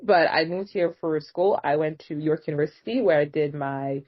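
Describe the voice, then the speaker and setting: A young Congolese woman, a nonprofit co-founder, appears as an interview guest in a relaxed, chatty conversation. Her voice is low-pitched, and she often fills pauses with "um" and "you know." The remote recording sounds dull and lo-fi.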